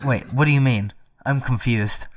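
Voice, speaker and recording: A young man co-hosting a podcast in casual chat, dry and teasing with deadpan jokes. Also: mid-range voice, moderate pace. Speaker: podcast co-host.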